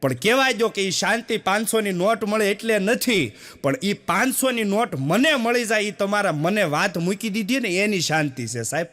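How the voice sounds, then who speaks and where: Male stand-up comic, high-pitched voice, folksy and chatty. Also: expressive, normal speed, a bit bright. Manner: folksy, chatty, addresses the audience directly. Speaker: stand-up comedian. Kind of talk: stand-up comedy storytelling.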